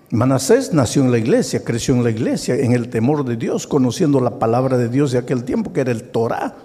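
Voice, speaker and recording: A man preaching a sermon as a pastor, telling stories and swinging between loud, high exclamations and hushed, slow passages. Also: breathy edge, long reverb tail.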